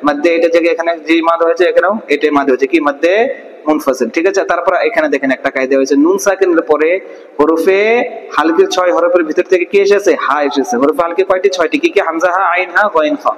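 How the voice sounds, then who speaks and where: A man leads a Quran recitation lesson in a fairly high voice. He keeps quizzing his listeners and answering himself, then stretches verses out one syllable at a time. A long reverb trails behind his words. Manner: question-and-answer drilling, slow syllable-by-syllable recitation. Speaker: Quran teacher. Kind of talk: online Quran recitation class.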